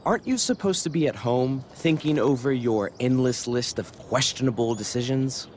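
A man's voice: mid-range voice, normal speed, slight background noise, close to an everyday voice. A man playing a stuck-up, earnest teenage student in a video game, with pompous, precise speech. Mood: condescending.

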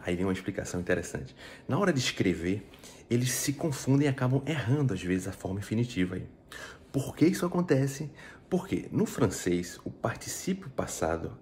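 A man's voice: deep voice, vocal fry, darkish tone, slight background noise. A Brazilian man with a Brazilian Portuguese accent, explaining French pronunciation in a casual video lesson, checking in often with tag questions. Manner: chatty, explains step by step, frequent tag questions. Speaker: French teacher.

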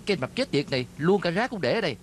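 An anxious male film crew assistant in a TV drama. He sounds placating and apologetic, with a fairly high voice. Faint music plays underneath. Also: sing-song, rapid-fire, a little hiss or hum. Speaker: dub actor. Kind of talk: Vietnamese dub of a TV drama.

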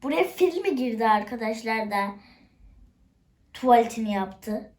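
A woman's voice: on the high side, lively intonation, unhurried, a little mellow. A woman hosting a channel, chatting to viewers with frequent exclamations as she plays a game. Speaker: gamer, channel host. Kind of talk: excited game commentary. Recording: faint background noise and clicks.

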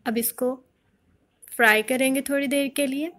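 With a calm, plain manner, a fairly high-voiced Pakistani woman talks viewers through a home recipe step by step. She narrates at a moderate speed, in the style of a cooking channel host.

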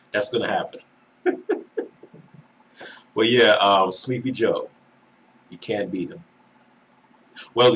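A man in his thirties from Antigua and Barbuda, with an Antiguan accent, makes a reaction video at his desk in a small indoor room. He chats casually, laughing and asking viewers whether they agree, in a lowish, slightly bright voice.

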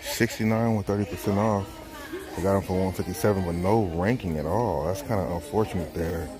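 A man's voice: low-pitched, fairly quick, over music. A man in his thirties chatting casually to viewers while browsing a large store, filming on a handheld phone. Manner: casual, chatty, thinking aloud. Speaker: reselling vlogger. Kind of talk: casual shopping vlog. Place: large retail store, indoors.

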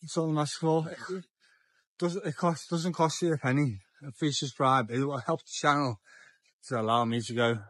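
A man's voice: a little high, fairly even intonation, moderate pace, a bit bright, no echo. A young man, chatty and a little tipsy, rambling and repeating himself as he films a walking vlog on town streets with a handheld phone. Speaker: vlogger. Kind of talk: casual walking vlog commentary. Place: outdoors on town streets at dusk.

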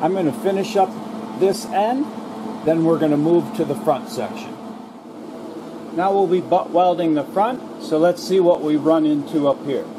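A man with a slightly high voice explains his welder settings and technique in a calm, reassuring way. He is recorded on a camera mic near the work in a garage workshop. A steady hum and crackling welding noise sit clearly behind his voice. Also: moderate pace. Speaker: auto body repair instructor. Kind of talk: welding tutorial narration.

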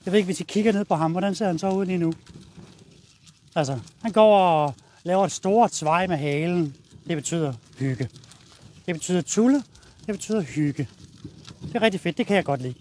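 Blunt high-voiced Danish dog trainer. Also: male voice, long pauses, warm tone. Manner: blunt, casual, addresses viewers while walking the dog. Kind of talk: outdoor training demonstration. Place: outdoors, walking a dog.

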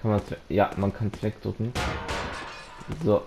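A man's voice: lowish voice, little pitch movement, a little slow, loud music behind the voice. A German man commenting on a horror game he is playing, talking to the characters and his viewers, easily startled and yelping into a close microphone. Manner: jumpy, yelps and shouts when startled. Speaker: let's play commentator. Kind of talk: casual gameplay commentary. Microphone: close desk microphone.

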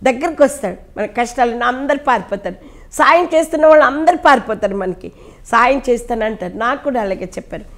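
A woman pastor with a Telugu accent, preaching a sermon fervently, swinging between loud rises and hushed drops. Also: on the high side, animated, brisk. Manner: repeats pleading prayer lines ending in "ayya".

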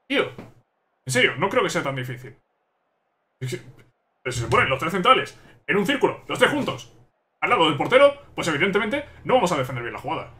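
A man's voice: sits high, sharp tone. A young man commenting on his own gameplay, exasperated and repeating himself as he rants at the game. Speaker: gaming YouTuber.

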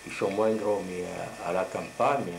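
At a normal speed and in a lowish voice, an elderly grandfather figure, 70s or older, casually wanders through colloquial stories of his younger days. The audio is a noisy, roomy home recording from a camcorder microphone placed across the living-room table.

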